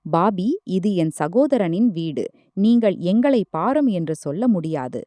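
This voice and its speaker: A woman voicing a gentle, worried mother who soothes and pleads, in a storybook reading. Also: fairly low pitch, lively intonation, measured pace, dry recording. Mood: pleading.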